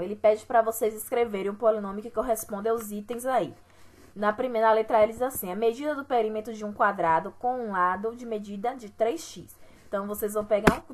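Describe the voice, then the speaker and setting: A woman's voice: mid-range voice, fast talker. A woman math teacher with a Brazilian accent, walking students through an exercise sheet step by step and often checking in with "right?". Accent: Brazilian Portuguese. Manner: patient, repeats "certo?" and "né?" to check understanding. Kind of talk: recorded online lesson explaining an exercise sheet.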